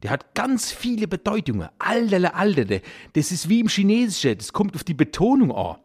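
A man's voice: high-pitched, huge pitch swings, a little fast, a little mellow, breathy edge. A man with a Kurpfalz dialect accent, a cabaret artist giving a playful, theatrical comic monologue with exaggerated intonation. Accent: Kurpfalz (Palatinate) German. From Kurpfalz region, Germany. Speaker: cabaret artist, podcast host.

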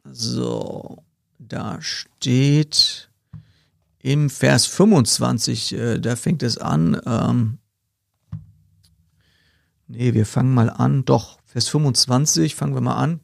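A man's voice: mid-range voice, steady tone, takes it slowly, vocal fry, pauses often, no echo, studio quality. A man hosting a podcast, chatting casually about Bible verses and thinking aloud with fillers and repeated words. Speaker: podcast host.

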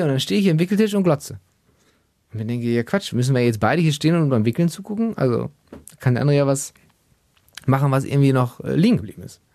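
A young man hosts a podcast, rambling in a loose monologue and amused by his own stories. He sounds tired, and his voice sits a little high. The sound is dry and close, with no room around it. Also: a little mellow, no echo. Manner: chatty, rambling, self-amused, puts on silly baby-talk voices. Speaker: podcast host. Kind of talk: casual monologue.

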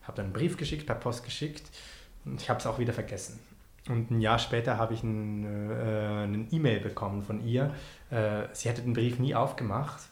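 A man from Switzerland with a Swiss accent, a podcast guest telling stories in a relaxed way with many fillers. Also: on the low side, normal speed. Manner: relaxed storytelling with frequent fillers. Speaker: podcast guest, performance artist. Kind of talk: casual conversation. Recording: roomy echo.

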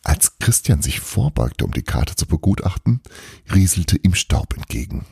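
A man reading a children's Christmas story aloud as a podcast storyteller, in a calm, lively read-aloud manner. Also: deep voice, moderate pace, creaky, husky, dry recording, clean studio sound. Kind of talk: scripted storybook narration.

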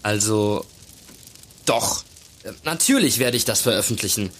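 Radio play: young actor as eager, courteous student journalist, low-ish pitch, a bit unsure. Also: male voice, expressive, unhurried, a bit bright, a little hiss or hum. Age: young adult. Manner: polite, hesitant.

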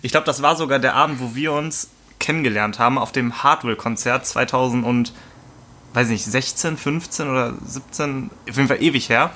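A man's voice: medium pitch, moderate pace, bright, forceful tone. A young man chatting casually and telling anecdotes in slangy, colloquial language.

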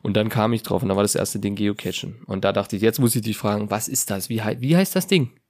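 A man co-hosting a casual podcast, telling rambling stories in a jokey, animated way. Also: lowish voice, fast talker. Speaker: podcast co-host. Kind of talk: casual chat. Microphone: remote call.

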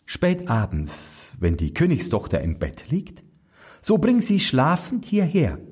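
A man's voice: fairly high pitch, wildly swooping pitch, slow, a little mellow, husky, voice pushed up, exaggerated voice. A man voicing a bitter discharged soldier who gives curt, bossy orders, in a fairy tale reading. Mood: commanding.

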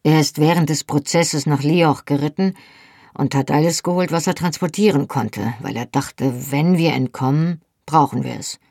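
A narrator voicing Jamie, a wry, good-humoured young Scottish man with dry, teasing replies, in a gravelly, husky voice. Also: medium pitch, normal speed, a little mellow, dry recording.

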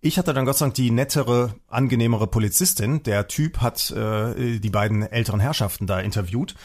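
A man telling a personal story in casual chat, animated, acting out the people he quotes. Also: medium pitch, normal speed.

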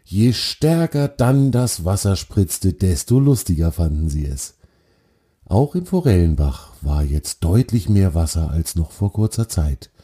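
A man reads a children's story aloud, calm and gentle. His voice is very dark and mellow with a husky, breathy grain. He lets it rise and fall with lively expression. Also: low voice, a little slow.

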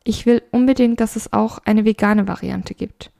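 A woman voicing a stressed male project manager who talks in a brisk, hurried way. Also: a little high, fairly even intonation, gravelly, mellow.

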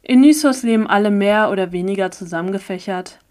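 A patient young man explaining things in a plain, matter-of-fact way, read by a woman. His voice sits at an ordinary middle pitch, in an audiobook story reading. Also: fairly quick, darkish tone, lightly acted.

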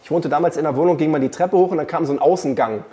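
A man's voice: on the high side, very fast, crowd noise. A man, a journalist and podcast co-host, telling long anecdotes in casual chat with many fillers.

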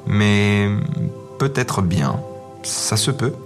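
A man voicing a thoughtful talking crow in a storybook, speaking slowly and hesitantly. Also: fairly low pitch, sing-song, music in the background, heavily acted. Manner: slow, hesitant, hushing.

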